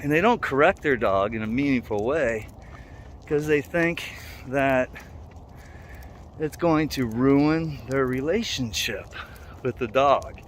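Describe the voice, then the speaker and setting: A man's voice: medium pitch, slow pace, pauses often. A man talking casually while out walking, in a rambling, plain-spoken, conversational way as a dog trainer making a vlog. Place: outdoors, walking in a neighborhood. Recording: outdoor ambient street noise.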